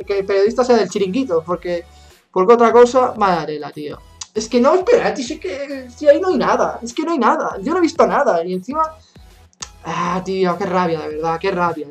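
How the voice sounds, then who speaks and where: A woman in her twenties with a Spain Spanish accent, commentating her own gameplay live, excitable and swearing often as she rants. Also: medium pitch. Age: 20s. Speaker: gaming YouTuber.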